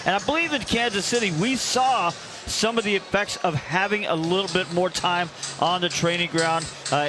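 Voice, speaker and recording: A male color commentator with a fairly high voice, speaking in a folksy, easygoing way. He pauses often with fillers as he thinks through his analysis, and music plays softly behind him. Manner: folksy, unhurried, frequent "uh" fillers. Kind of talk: radio sports analysis. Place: stadium broadcast booth.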